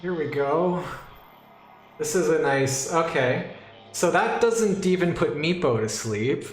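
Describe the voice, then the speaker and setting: A man's voice: on the high side, animated, slow, reverberant, faint music behind. A man running a tabletop game as dungeon master on a stream, joking and self-deprecating as he talks into a desk mic.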